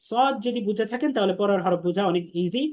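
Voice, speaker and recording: A man teaching an online class on Arabic letters, patiently repeating each letter sound slowly and leading the class in drills. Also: high-pitched, a little mellow. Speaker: Quran teacher.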